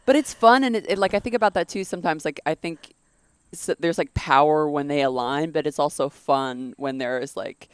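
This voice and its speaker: A woman's voice: deep voice, fairly quick, clean tone, no echo. Laughing, playful woman in dry studio. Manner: laughs often, animated and playful. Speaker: podcast co-host. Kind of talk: casual chat.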